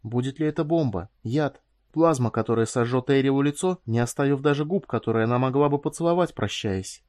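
A man narrating an audiobook in a calm, measured reading voice. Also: medium pitch, dry recording, studio quality. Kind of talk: scripted narration.

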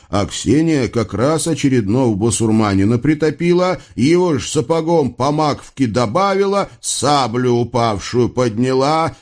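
A man narrating a folk tale as an expressive audiobook reading. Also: mid-range voice. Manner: lively folk-tale storytelling.

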